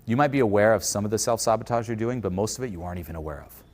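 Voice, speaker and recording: Lower-voiced man giving a motivational talk. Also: very fast. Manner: animated, acts out other people's inner voices. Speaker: coach.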